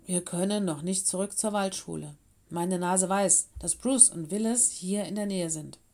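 A woman's voice: lowish voice, moderate pace, mellow, lightly acted. A woman reading an audiobook, voicing an earnest, loyal young male animal pupil at a forest school. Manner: earnest, determined. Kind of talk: audiobook character voice.

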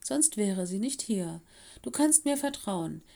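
A woman voicing a calm, warm female cat headmistress in a storybook reading, speaking slowly and reassuringly. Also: medium pitch, creaky. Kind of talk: audiobook reading.

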